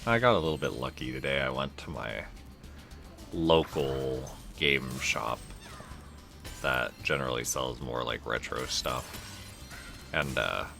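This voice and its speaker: A man's voice: extremely low pitch, gravelly. A young man giving casual, rambling, laid-back gameplay commentary as a let's play host.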